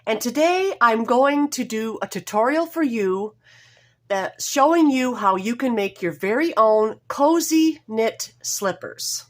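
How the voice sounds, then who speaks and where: Slightly hoarse with a cold, a woman's voice, a little high and animated, carries a laid-back knitting tutorial filmed at home. She explains each step in a homey, apologetic manner and keeps stopping to set herself straight.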